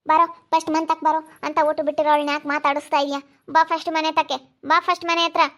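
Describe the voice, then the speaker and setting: A woman voicing a sharp-tongued village mother who mutters insults, in an amateur village skit. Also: sits high, flat delivery, fast talker. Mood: scolding. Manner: muttering insults under her breath. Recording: dull lo-fi sound.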